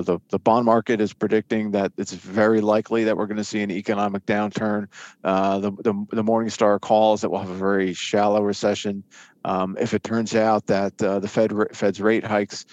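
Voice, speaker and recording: A man speaking as an expert interview guest, giving conversational market analysis in a halting way, often repeating and restarting words as he thinks. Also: lowish voice, a little mellow, no echo, muffled recording.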